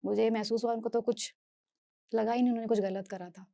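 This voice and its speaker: A woman from Delhi giving an earnest, halting first-person testimony as a speaker, often restarting and repeating her phrases. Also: fairly high pitch, steady tone, vocal fry, dark tone, dry recording. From Delhi, India. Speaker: speaker sharing a personal story.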